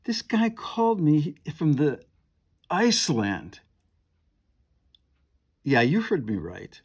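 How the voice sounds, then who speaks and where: Talking to the camera at home, a man in his seventies who plays piano and harp rambles along with plenty of fillers and side remarks. His slightly high voice is husky with vocal fry, swinging widely in pitch at a slow pace.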